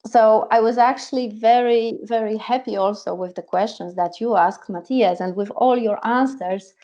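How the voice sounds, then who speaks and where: Her mellow, fairly high voice moves at normal speed with a steady tone as this psychologist and coach, a native Polish speaker, earnestly recounts her story in an online talk. The sound comes through a video call and is lo-fi.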